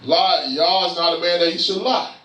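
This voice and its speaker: A man's voice: high-pitched, normal speed, sharp tone. A man giving a casual sermon in a church, talking in a loose, conversational way and often asking "you know what I'm saying?". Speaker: preacher. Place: church sanctuary. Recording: roomy church sound from a distant mic.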